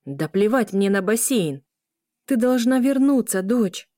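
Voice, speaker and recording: Woman voicing a middle-aged mother, scolding, loud, dark tone. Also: a little high, lively intonation, measured pace, no room sound, clean studio sound.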